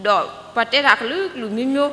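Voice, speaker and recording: A woman's voice: brisk, pushed and bright. A woman giving a church talk, speaking steadily and plainly. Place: church hall. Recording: reverberant church hall, faint noise.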